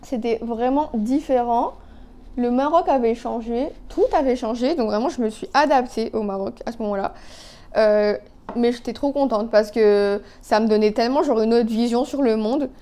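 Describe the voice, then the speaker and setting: A woman in her twenties talks through her makeup in a loose, chatty way, scattering fillers and asides. Her voice sits a little high but sounds soft and mellow. It is recorded on a phone. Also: moderate pace. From Canada. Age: 20s. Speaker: beauty vlogger. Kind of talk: casual chat while doing makeup.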